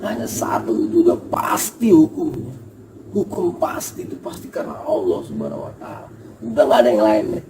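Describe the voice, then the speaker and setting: A man's voice: on the low side, huge pitch swings, fairly quick, creaky. A man telling a hiking story in a casual, emotional and earnest way. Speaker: storyteller recounting a hiking experience. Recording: noisy background ambience.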